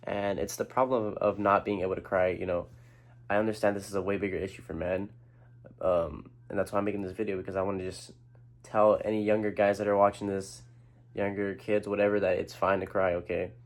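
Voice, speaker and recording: Young man, personal vlog, rapid rambling speech, somewhat low voice, casual swearing. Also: flat delivery. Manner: rambling, earnest, frequent restarts and swearing. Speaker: vlogger. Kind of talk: personal talk to camera.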